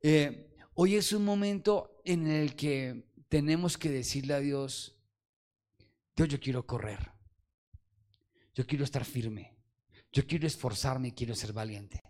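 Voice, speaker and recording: A man preaching a Sunday sermon, calling out to the congregation and swinging from loud exhortation to quiet low asides. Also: slow, long pauses. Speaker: pastor. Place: church service.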